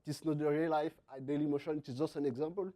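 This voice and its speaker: A man from Cameroon with a French-Cameroonian accent gives a technical conference presentation in halting non-native English, sometimes repeating words. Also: on the high side, fairly even intonation, mellow. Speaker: conference speaker, software engineer.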